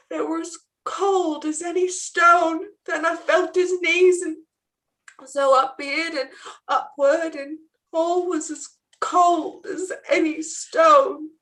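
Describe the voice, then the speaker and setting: A woman's voice: very high-pitched, fairly bright tone, heavily acted, low-quality recording. A woman playing a garrulous, tender, earthy tavern wife in a theatrical, rambling Shakespearean stage style.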